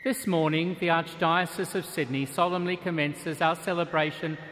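A middle-aged man preaching a measured, solemn sermon with deliberate pauses as an archbishop at a cathedral lectern. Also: fairly high pitch, fairly even intonation, a bit bright. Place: large stone cathedral, at a lectern. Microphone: lectern microphone. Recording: long cathedral reverb.

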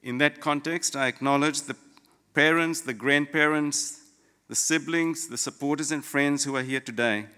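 A middle-aged lawyer from Fiji, serving as graduation guest speaker, reads a prepared, formal ceremony address from notes in measured, deliberate phrases with pauses. His voice is a little high, sharp yet smooth, picked up by a gooseneck podium microphone in a large auditorium with long hall reverb.

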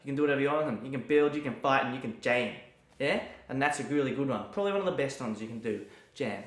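A man giving a relaxed, chatty music lesson at home, sometimes breaking into sung scales to demonstrate. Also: mid-range voice, fast talker, roomy sound. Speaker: piano and music teacher. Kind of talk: casual video lesson. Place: room at home during lockdown. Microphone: mic near the camera.

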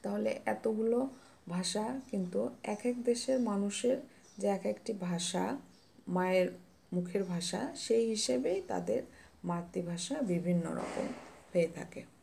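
A woman teacher explains a grammar lesson step by step, patient and unhurried, pausing to pose quiz questions. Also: medium pitch, animated, gravelly, warm tone. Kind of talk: classroom lesson reading notes.

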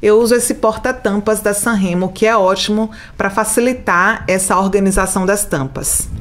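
A woman's voice: medium pitch, steady tone, normal speed. Chatty Brazilian woman narrating home cleaning. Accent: Brazilian Portuguese. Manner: chatty, addresses viewers directly. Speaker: home organization vlogger.

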